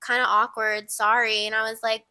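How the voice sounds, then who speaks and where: A young woman in her twenties co-hosts a podcast, chatting casually in a fairly high, fairly quick voice. She tells stories animatedly and acts out what people said.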